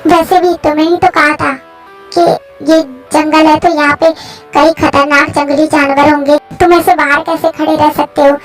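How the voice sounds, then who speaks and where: A woman's voice: sits high, flat delivery, moderate pace, soft background music, lightly acted. A woman playing a frightened, stubborn young woman. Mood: reassuring. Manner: frightened, refusing. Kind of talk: fan story voice acting.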